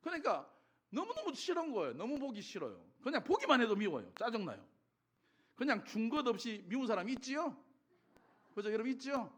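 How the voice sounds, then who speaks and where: A man's voice: very high-pitched, a little fast, breathy edge. A middle-aged male pastor preaching a sermon, telling stories with humor and acting out his own prayers. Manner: animated storytelling, acts out his own prayers; laughs often, jokes with the congregation.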